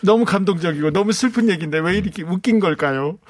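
A man's voice: high-pitched, no echo. A man hosting a radio talk show, teasing his guest and reading listener messages. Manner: teasing, quick back-channel replies. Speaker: radio host.

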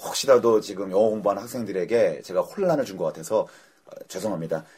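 A man's voice: fairly low pitch, animated, fast talker, a little mellow, slightly rough. A young man co-hosting a casual podcast, joking and self-deprecating. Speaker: podcast co-host. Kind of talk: casual chat.

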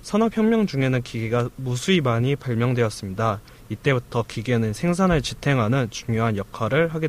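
A man, a podcast guest, reading a prepared explainer in a stiff, flat, robot-like voice. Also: mid-range voice.

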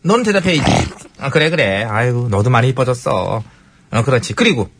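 A man's voice: mid-range voice, animated, fairly quick, noisy background. A man hosting a radio comedy show, playing a bossy, pompous king in a skit. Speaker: radio host. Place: radio studio.

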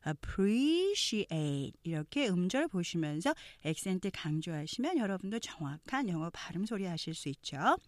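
A Korean woman teaching English pronunciation, explaining phrases and modelling them slowly. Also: fairly low pitch, big pitch swings, dry recording. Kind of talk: language lesson narration.

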